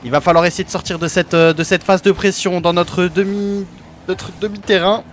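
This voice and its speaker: A man's voice: high voice, fairly even intonation, normal speed, a little hiss or hum. A man giving amateur play-by-play commentary on an esports match for his own team, hesitant, with many fillers and self-corrections.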